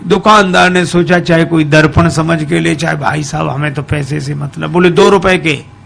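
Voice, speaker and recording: A man's voice: fairly high pitch, fairly even intonation, normal speed, creaky, a bit bright, slight background noise. A male spiritual preacher telling a parable in a storytelling sermon, chanting verses and acting out each character's lines. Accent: Hindi. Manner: acts out each character's lines in quoted speech.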